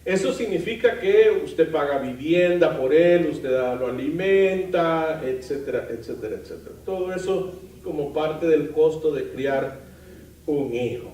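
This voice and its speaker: A man preaching a sermon as pastor, lively, asking the congregation questions and adding light humor. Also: fairly high pitch, a little slow. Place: church sanctuary. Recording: roomy, from far off the mic.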